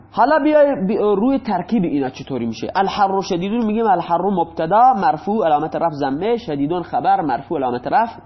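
A man with a high, husky voice teaches a grammar lesson, patiently repeating examples and raising questions only to answer them himself. The audio is a dull lo-fi recording.

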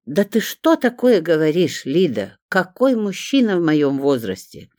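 A grumbling elderly woman of seventy-one, nagging and complaining, her voice pitched up high and pushed loud, lively and swinging, as the audiobook reader puts her on. The sound is dry and close. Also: measured pace, no room sound. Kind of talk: audiobook character voice.

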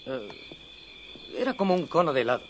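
A man's voice: a little high, lively intonation, brisk, very noisy, natural voice. A man dubbing an awestruck father in a film, groping for words as he describes something strange. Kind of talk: dubbed film dialogue. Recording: film clip with loud music.

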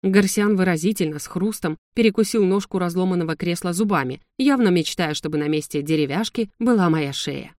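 An audiobook reader giving scripted first-person fantasy narration in an even, measured way. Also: mid-range voice, no room sound, clean studio sound.

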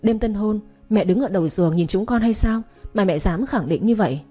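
In a storybook reading, a woman voices a wealthy young husband, the heir of his household, who issues orders with cold fury. Her voice is medium-pitched, fairly quick, dark and husky, only lightly acted, with faint music in the background. He comes across as harsh and commanding.

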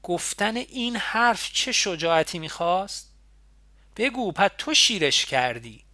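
A man reading a calm, sardonic young man who coolly scolds his comrade. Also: sits high, dry recording, pitched above the performer's own voice. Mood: mocking. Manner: cool and reproachful, building to sharp lecturing.

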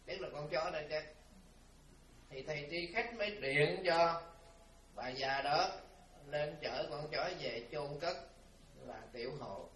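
A man, a Buddhist monk, telling a story in an animated dharma talk and speaking directly to his listeners. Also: fairly high pitch, slow pace, pauses often. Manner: animated storytelling, addresses the audience. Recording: roomy, from far off, faint hiss.

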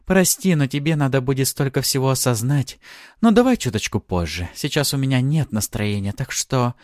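A man's voice: medium pitch, lively intonation, moderate pace, a little mellow, dry recording, studio quality, voice pushed up, natural voice. A man voicing a cruel, playful female succubus demon in an audiobook, taunting and sneering. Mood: mocking. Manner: taunting, sing-song sneer. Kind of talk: audiobook character voice.

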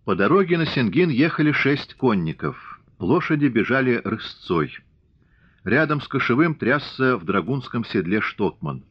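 A man reading a classic novel aloud as an audiobook narrator, in a measured literary reading recorded dry and slightly dull. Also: mid-range voice, big pitch swings, slightly rough, dry recording.

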